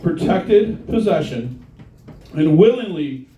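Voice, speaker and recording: Heavy background noise and audience laughter surround a middle-aged comic delivering crude, punchy stand-up and bantering with the crowd at a comedy bar. His animated voice is on the high side and slow-paced, recorded with roomy live club sound from a distance.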